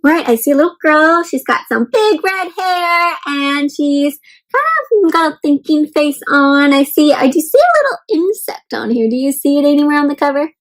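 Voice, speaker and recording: Over background music, a high-pitched woman speaking at a moderate pace leads an interactive reading of a picture book for children. She talks directly to the kids as friends, encouraging them, with animated, exaggerated expression and lots of questions.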